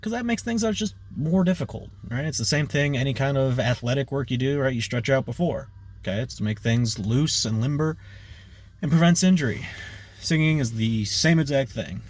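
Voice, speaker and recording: A man teaching a casual singing lesson in a loose, rambling way, full of fillers and quick "right?" checks. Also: mid-range voice, animated. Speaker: vocal coach.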